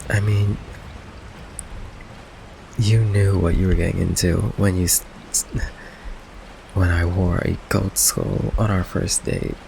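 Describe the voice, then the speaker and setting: In an intimate, one-sided ASMR roleplay, a man plays a nervous goth vampire boyfriend, fully in character. His very low, unhurried, flat delivery is full of stammers and evasions, defensive and flustered yet affectionate. His voice is close to the mic, with clear rain ambience making the background noisy.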